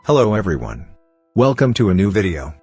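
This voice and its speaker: A computer-generated male voice with a deep, slightly husky tone reads a scripted commentary. Its delivery is even and machine-like, and soft music plays faintly behind it. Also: brisk. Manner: even synthetic read-out delivery. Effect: text-to-speech robot voice. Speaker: channel host.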